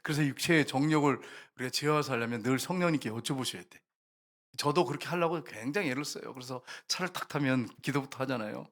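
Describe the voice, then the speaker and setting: Speaking quickly at a medium pitch with a fairly bright tone, this male pastor talks with his congregation during a sermon. He asks questions only to answer them himself, slipping into brief quoted prayers and grumbles along the way.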